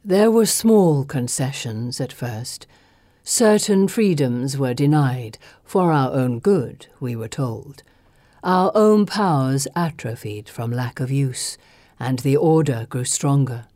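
An ancient, snake-haired female creature speaks in a low, dark voice, slow and grave as she recalls the past, put on by a woman reading a storybook aloud. The sound is close and dry. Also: expressive, dry recording, heavily acted. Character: ancient sorrowful female serpent-haired creature, the last of her kind.

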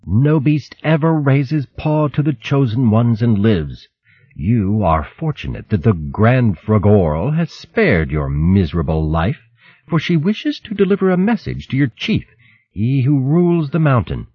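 A man's voice: mid-range voice, big pitch swings, measured pace, slightly rough, dry recording, muffled recording, voice pushed up. A man voicing a big, evil male rat soldier who speaks with contempt. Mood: contemptuous. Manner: haughty, contemptuous.

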